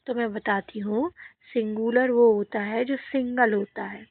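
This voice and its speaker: A woman's voice: a little high, steady tone, measured pace, dry recording. A woman teaching a children's English grammar lesson, asking questions and answering them herself, repeating the key words. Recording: dry, phone-like audio.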